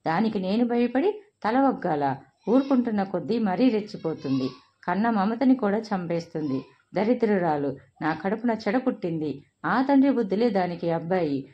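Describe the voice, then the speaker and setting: A woman's voice: medium pitch, lively intonation, moderate pace, highs cut off, natural voice. A woman voicing a furious, bitter middle-aged mother who scolds shrilly in a read-aloud family story.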